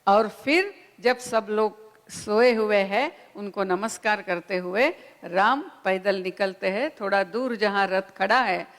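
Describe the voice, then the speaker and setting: A woman giving a spiritual lecture at a conference, retelling scripture in an unhurried storytelling manner and voicing the lines of its characters. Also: a little high, a bit bright, big-room sound. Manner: unhurried storytelling with quoted dialogue. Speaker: speaker at a Ramayana conference. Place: conference hall.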